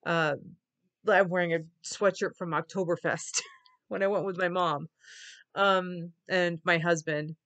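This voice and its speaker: A woman's voice: lowish voice, steady tone, a little slow, a bit bright, highs cut off. A middle-aged woman speaking casually and candidly to camera, weary and reflective. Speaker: vlogger. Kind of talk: casual confessional vlog talk. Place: small wood-paneled room indoors.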